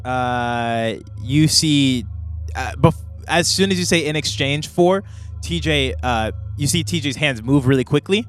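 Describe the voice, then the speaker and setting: A man hosting and narrating a tabletop game podcast in an informal, halting, improvised way. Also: medium pitch, faint music behind. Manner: halting, filler-heavy, informal. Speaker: game master and podcast host.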